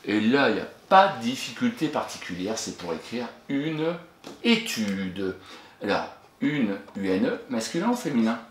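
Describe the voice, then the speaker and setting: Lively, encouraging male teacher, roomy echo. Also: medium pitch. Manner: encouraging, talks to an absent pupil and pauses for answers; spells words slowly letter by letter. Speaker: primary school teacher. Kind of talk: recorded spelling lesson for a child. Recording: echoey room with faint noise.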